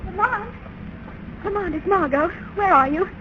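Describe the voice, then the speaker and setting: An actress playing an anxious, caring young heroine in a 1930s radio mystery. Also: female voice, very high voice, expressive, measured pace. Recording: noisy, muffled 1930s radio recording.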